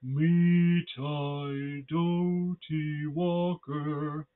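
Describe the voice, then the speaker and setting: A man doing a slow eerie unseen singer. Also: fairly high pitch, flat delivery. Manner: slow drawn-out eerie singing. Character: unseen creepy singer calling down chimney. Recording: tinny phone-like sound.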